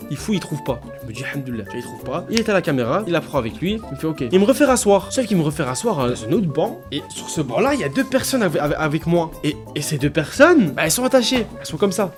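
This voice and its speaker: Young man telling a wild story fast. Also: soft background music. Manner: animated, slangy storytelling that jumps into high excited voices. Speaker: streamer and vlogger. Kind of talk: storytelling on a live stream.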